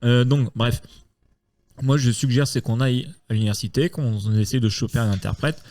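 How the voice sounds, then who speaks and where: A young man at a tabletop game talks through his plans in a chatty way, his voice of ordinary pitch. The sound is dry and close, with no room around it. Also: moderate pace, a little mellow, no room sound. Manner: chatty, plans aloud, laughs often. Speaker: player. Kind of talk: casual chat at a tabletop game.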